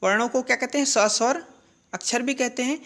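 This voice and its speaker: A woman's voice: on the high side, brisk, a bit bright. A woman teaching a grammar lesson, who asks questions and answers them herself and repeats the key terms. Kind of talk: classroom-style lesson.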